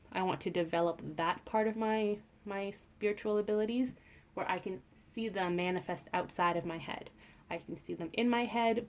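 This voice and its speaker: A woman giving a tarot reading in a casual, gentle and reassuring way, with frequent fillers and restarts. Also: medium pitch. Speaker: tarot reader.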